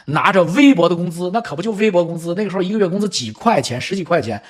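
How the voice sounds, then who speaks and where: A middle-aged man from China telling a true story in an animated, chatty way, with spoken asides. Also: high-pitched, quick pace. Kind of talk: casual storytelling commentary.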